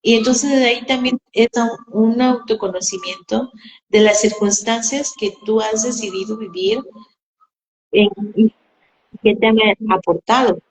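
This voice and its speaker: A woman's voice: fairly high pitch, a little slow. A woman telling personal stories in a casual live conversation, acting out quoted dialogue. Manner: animated storytelling, acts out quoted dialogue. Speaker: host. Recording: echoey room.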